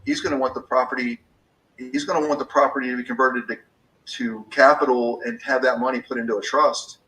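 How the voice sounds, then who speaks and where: A man's voice: mid-range voice, level tone, a little fast, pushed and bright, recorded from a distance, low-quality recording. A man in his fifties talking casually about business, rambling with many restarts and fillers. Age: 50s.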